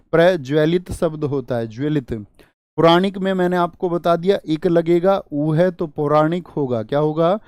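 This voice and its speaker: A man's voice: a little high, darkish tone, no room sound, clean studio sound. A male teacher giving an exam-prep Hindi spelling lesson, quizzing students with repeated rhetorical questions and calling them friends and brother. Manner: addresses viewers as friends and brother.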